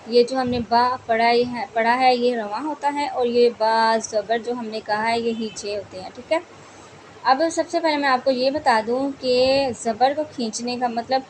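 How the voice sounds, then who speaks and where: A woman teaching Quran reading, patiently drilling each syllable slowly and repeating the rules. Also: a little high, a little mellow, a little hiss or hum. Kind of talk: slow step-by-step recitation lesson.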